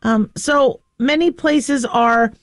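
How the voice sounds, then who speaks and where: A woman's voice: high-pitched, slow pace, dry recording. A middle-aged woman from the American Southwest with an American accent, hosting a talk radio show in a casual, rambling, outspoken monologue. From southwestern United States.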